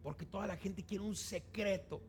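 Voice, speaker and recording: A pastor preaching a sermon, acting out quoted voices with animated delivery. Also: male voice, high-pitched, normal speed, faint music behind.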